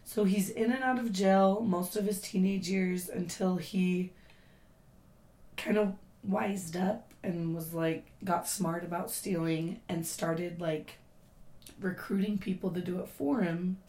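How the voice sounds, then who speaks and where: Hoarse woman chatting slowly. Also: fairly low pitch, fairly even intonation, darkish tone, roomy sound. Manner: rambling, many fillers, laughs often. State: hoarse, losing her voice. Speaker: podcast co-host. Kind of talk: casual chat.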